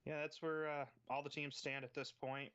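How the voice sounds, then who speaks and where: A man co-hosting a sports podcast, talking in a steady, laid-back way with dry humor. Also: a little high, moderate pace, clear, resonant tone, highs cut off. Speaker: podcast co-host. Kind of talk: casual sports chat.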